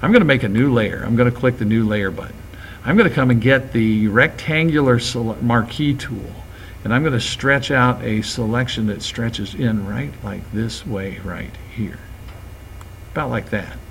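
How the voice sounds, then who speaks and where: A man teaching graphics, talking through each step of a screen-recorded software tutorial in a relaxed, chatty way. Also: medium pitch, moderate pace, slight background noise.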